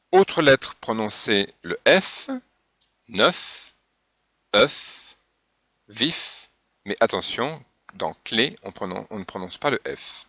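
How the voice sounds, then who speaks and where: Slow, gravelly-voiced male French teacher. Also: fairly low pitch, a bit bright, no room sound. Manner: patient, spells out example words one by one. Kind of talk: slow pronunciation lesson. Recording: dull, dry lo-fi recording.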